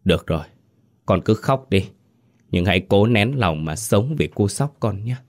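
A man voicing an older mother-in-law who consoles softly. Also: lowish voice, expressive, normal speed. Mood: soothing. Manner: soft, consoling.

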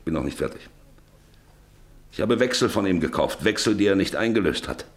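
In a German radio drama, an actor plays a stern, domineering farmer father of middle age, his low voice moving a little fast with lively intonation. He sounds angry and overbearing, giving blunt commands and cutting others off.

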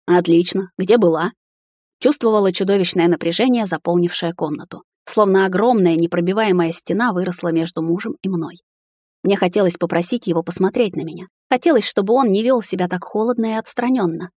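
A woman narrating a novel in the first person, in a steady, measured reading. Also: mid-range voice, no echo, clean studio sound. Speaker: audiobook narrator.

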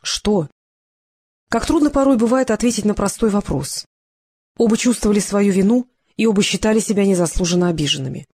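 A woman reading a novel aloud in a steady, even storytelling manner. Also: mid-range voice, brisk, husky. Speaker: audiobook narrator. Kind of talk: scripted narration.

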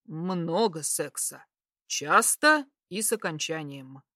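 A woman voicing a smug, teasing bearded man who poses as a doctor, speaking in a slow, lowered drawl in a romance audiobook. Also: animated, pushed and bright, no echo, studio quality, heavily acted.

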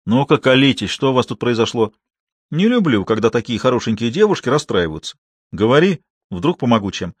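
A man's voice: medium pitch, very animated, brisk, husky, no room sound. A man reading an audiobook, voicing a breezy, teasing male anesthesiologist who jokes with colleagues. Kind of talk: audiobook character voice.

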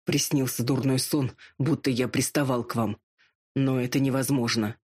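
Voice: medium pitch, steady tone, darkish tone, breathy edge, close to an everyday voice. A narrator voicing a haughty dragon lord. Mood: uneasy. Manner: drawn-out and pleading when drunk, curt when sober. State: drunk and drowsy. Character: arrogant male dragon lord, a gruff millionaire.

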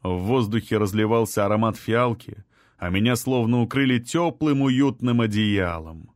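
A man's voice: fairly low pitch, moderate pace, no room sound, studio quality. Man narrating a fantasy audiobook. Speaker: audiobook reader. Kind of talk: first-person fantasy narration.

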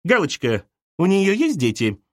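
A small bossy older woman laying down the law, as a male narrator puts her on, lively and sing-song when she mocks. the recording is dry and close. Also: high-pitched, a little slow, dry recording, voice pushed up, full character voice. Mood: scornful. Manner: lecturing, sharp and commanding. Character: bossy little older woman, scornful and preachy.

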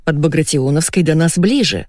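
A smooth, placating husband who coos pet names and waves worries away, voiced by a woman reading aloud. The delivery rises and falls with animated swings. The sound is dry and close. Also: low-pitched, normal speed, no room sound. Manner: cooing, placating. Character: smooth-talking husband, adult man, soothing. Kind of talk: audiobook reading.

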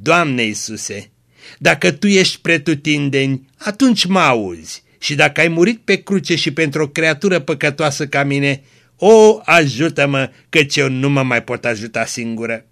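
A stern, remorseful young woman from a read-aloud story, voiced by a man in his own reading voice. She snaps out rebukes and pleads in prayer, in a bright, forward tone. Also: fairly high pitch, lively intonation, vocal fry. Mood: pleading. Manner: sharp rebukes, then fervent pleading prayer.

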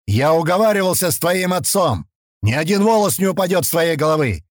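A man's voice: a little high, big pitch swings, moderate pace, a little mellow, no room sound, studio quality, voice pushed up. A man voicing a fat, drunk male governor who bellows and spits out threats, in an audiobook. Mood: threatening. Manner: bellowing, slurring, spitting threats.

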